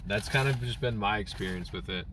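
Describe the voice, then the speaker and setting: A man's voice: on the low side, brisk, far from the mic, background noise. Rambling young man streaming from a car. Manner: rambling, with frequent fillers and restarts. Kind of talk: casual live-stream chat. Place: in a parked car in a store parking lot. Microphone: phone.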